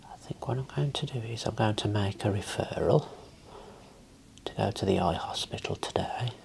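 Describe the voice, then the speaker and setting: Playing an optometrist in an ASMR eye exam roleplay, a man whispers most of the time, calmly giving reassuring instructions. His voice is fairly low and creaky, at normal speed.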